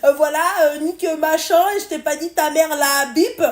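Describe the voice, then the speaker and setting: A woman in her thirties hosting a live stream, giving blunt, crude advice in an animated casual way and talking straight to her viewers. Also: sits high, normal speed. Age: 30s. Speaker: livestream host giving advice.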